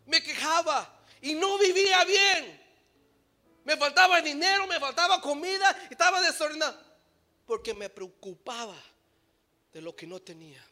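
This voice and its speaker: A man preaching a sermon, swinging from soft, low musing to loud shouting and slipping in short English phrases. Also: animated, moderate pace, faint music behind.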